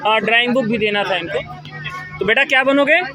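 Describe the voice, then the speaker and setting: A woman's voice: on the high side, fairly quick. A woman volunteer chatting cheerfully with small children outdoors in a park, coaxing and praising them as she hands out books. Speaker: charity volunteer handing out books. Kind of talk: casual chat with small children.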